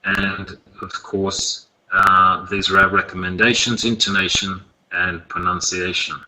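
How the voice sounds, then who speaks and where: A man teaching an online English lesson over a video call, relaxed and encouraging, often checking in with "okay?". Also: low voice, measured pace, poor audio. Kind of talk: online lesson, recapping and giving homework.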